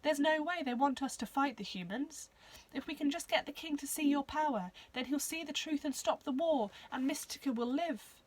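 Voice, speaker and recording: A bold young hoofed alien girl argues her case fast and fiercely, as a woman puts her on. The voice sits high above a storyteller's own and comes out loud and forceful, pressing every point. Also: natural voice. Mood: urgent. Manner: urgent, persuasive. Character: brave determined young female alien creature with hooves.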